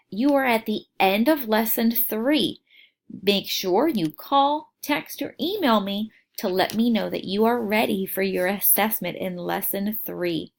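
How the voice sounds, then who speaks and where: A woman teacher giving a phonics lesson to young learners, sounding out words slowly and clearly and encouraging them. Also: medium pitch.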